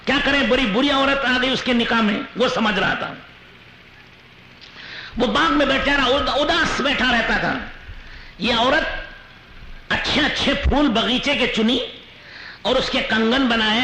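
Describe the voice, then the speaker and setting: Give me an animated male preacher telling a tale in a sermon, with a bright voice in an echoey room. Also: very high voice, long pauses. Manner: animated, chuckling asides while telling a tale. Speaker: Islamic preacher. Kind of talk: storytelling sermon. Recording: roomy echo with faint noise.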